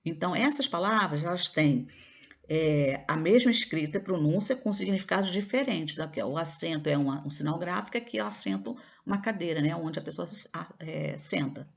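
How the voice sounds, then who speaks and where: Patient Brazilian teacher, lowish voice. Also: female voice, expressive, brisk, gravelly. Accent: Brazilian Portuguese. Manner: patient, explanatory, frequent checks like "né?" and "tá?". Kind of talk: online classroom lesson.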